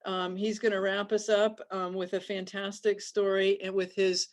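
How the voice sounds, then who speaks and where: A woman's voice: mid-range voice, little pitch movement, normal speed. Middle-aged woman, event host, video call. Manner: warm thanks, upbeat introductions.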